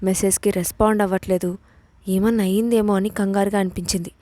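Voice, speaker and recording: A woman's voice: mid-range voice, flat delivery, quick pace, mellow, dry recording, close to an everyday voice. A woman voicing a scheming young woman who sounds sugary and pleading while faking concern.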